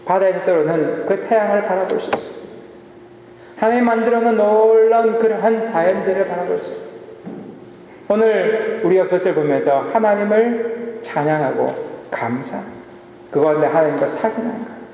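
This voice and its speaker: A male pastor with a high-pitched, mellow voice preaches briskly in a church sanctuary, frequently asking the congregation questions and answering them himself. The echoey hall has long reverb, with slight background noise.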